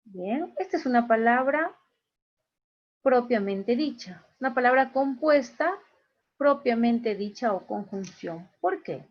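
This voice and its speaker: A woman teacher giving an online class, speaking slowly, repeating key phrases and checking in with her students. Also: on the high side, expressive. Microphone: video call. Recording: dull lo-fi video call audio.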